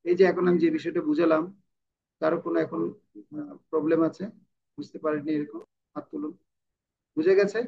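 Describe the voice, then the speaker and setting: A man's voice: a little high, brisk, creaky, pauses often, darkish tone, highs cut off, slight background noise. A man teaching Sanskrit verse pronunciation in an online class, patiently repeating words and often checking whether his students follow. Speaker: scripture recitation teacher.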